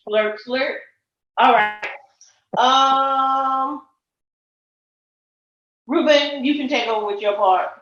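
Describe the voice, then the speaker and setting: A woman's voice: sits high, slow, long pauses, a bit bright, heavy reverb, lo-fi sound. A woman co-hosting a podcast in casual chat, teasing and playful. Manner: playful, teasing, flirty banter. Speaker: podcast co-host.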